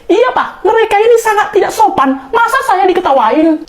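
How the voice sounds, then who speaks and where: A big, burly father who squeaks in a pinched, very high voice, as a skit performer puts him on. He talks in shrill, indignant bursts, with a lilt. It is played for laughs in a short comedy skit. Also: expressive, normal speed. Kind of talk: comedy skit role-play.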